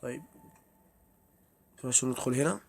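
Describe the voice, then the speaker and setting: A gravelly, medium-pitched voice at normal speed belongs to this young streamer with an Egyptian Arabic accent, with a little hiss or hum in the recording. He talks chattily to viewers during a horror game and is easily startled.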